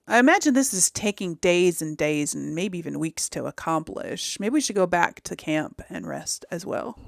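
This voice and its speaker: A gameplay host with a fairly low, gravelly voice casually commentates on a game. She rambles and thinks aloud, chatty and easily amused.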